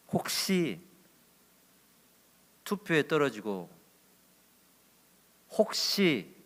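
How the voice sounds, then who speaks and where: Jesus as told by a male pastor, calm and fatherly. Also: medium pitch, in a large hall, heavily acted. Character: patient, gently correcting Jesus, male.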